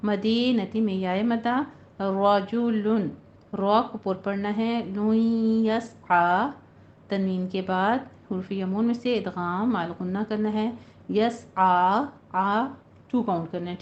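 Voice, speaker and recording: A woman's voice: mid-range voice, steady tone, a little mellow. Woman teaching Quran recitation rules. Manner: recites verses slowly, then explains rules briskly. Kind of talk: tajweed lesson with slow recitation. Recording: dull lo-fi recording with faint noise.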